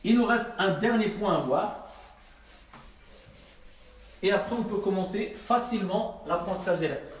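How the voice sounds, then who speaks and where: A man's voice: sits high, unhurried, pauses often. A man teaching a class, patient and repetitive, often checking that his students have understood. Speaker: Arabic teacher. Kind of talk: classroom lesson. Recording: echoey room.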